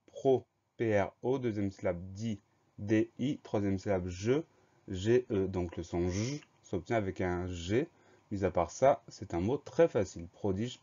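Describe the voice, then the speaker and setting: A man teaching a French dictation lesson, slowly spelling out words letter by letter. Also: fairly low pitch, warm tone. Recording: dull lo-fi sound.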